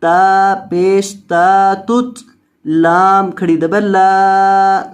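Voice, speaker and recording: Patient Quran reading teacher with a slow, drawn-out drill delivery, spelling each word by its letters. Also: medium pitch, steady tone, faint music behind. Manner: spells letters out slowly, then explains quickly; patient, repeats each word several times. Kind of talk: Noorani Qaida lesson.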